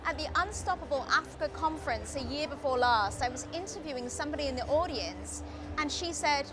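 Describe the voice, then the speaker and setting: A woman's voice: high-pitched, expressive, brisk. A woman from Zambia hosting a live stream, chatting and asking her co-host questions in an upbeat way. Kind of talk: casual live stream chat.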